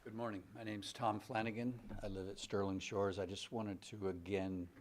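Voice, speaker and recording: A man with a very deep voice gives brief public comment into a podium microphone at a county board meeting. He speaks in a measured way and corrects himself once or twice along the way. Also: little pitch movement.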